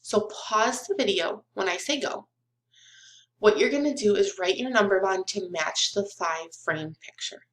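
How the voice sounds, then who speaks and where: Speaking straight to her little pupils in the style of a kids show host, a young woman who teaches kindergarten math uses simple, encouraging language, asks questions and counts along in a recorded lesson. She is unhurried and medium-pitched, and the webcam audio is roomy and echoey.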